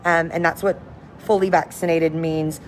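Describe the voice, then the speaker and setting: A woman's voice: sits low, level tone, normal speed, low-quality recording. An upbeat, enthusiastic woman cruise director giving a casual livestream update to viewers. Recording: noticeable background noise, windy ambience.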